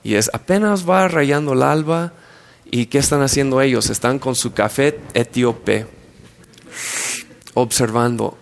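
Preacher telling a story. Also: male voice, medium pitch, a little slow, gravelly, long pauses. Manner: storytelling, playful asides, acts out scenes. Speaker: pastor. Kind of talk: sermon.

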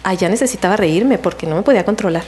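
A woman's voice: medium pitch, fast talker, darkish tone, slight background noise. A middle-aged woman giving a casual devotional talk about a personal story, laughing often as she tells it.

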